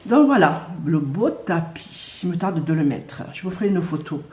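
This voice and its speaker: A woman, unboxing her haul in a casual chat, pausing often with fillers and speaking a little loudly on purpose. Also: on the low side, big pitch swings, echoey room. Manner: hesitant, many filler pauses. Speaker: unboxing vlogger.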